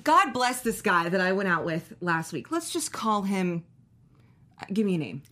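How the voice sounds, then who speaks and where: A woman's voice: mid-range voice, big pitch swings, normal speed, fairly bright tone. A young woman telling a comic dating story in casual chat, laughing and acting out her own lines. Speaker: storyteller on a comedy podcast.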